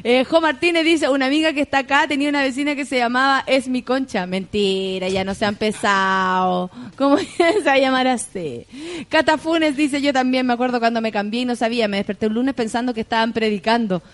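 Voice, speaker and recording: A young Chilean woman hosts a loose, casual chat, her voice sitting high. She reads out comments and reacts with quick laughs and slangy swearing. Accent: Chilean Spanish. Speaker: host reading viewer comments.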